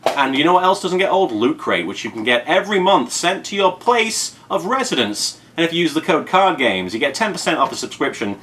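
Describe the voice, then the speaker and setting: A British man in his 30s hosts a casual unboxing vlog in his apartment, sounding high-ish, very animated, fairly quick and a bit bright. His rambling is playful and mock-serious with emphatic repetition, set against clear room noise.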